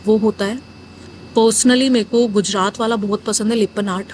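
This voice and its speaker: A woman's voice: medium pitch, fairly even intonation, moderate pace, a little mellow, a little hiss or hum. A young woman from northern India, a muralist, telling her story frankly in a casual interview, mixing Hindi with English. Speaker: muralist guest.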